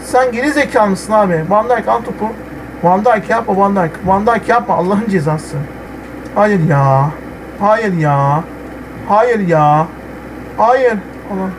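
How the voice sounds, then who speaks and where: A young man playing a football video game, commenting live and swinging from muttering to yelling at the players. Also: high voice, animated, unhurried, background noise. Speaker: gamer.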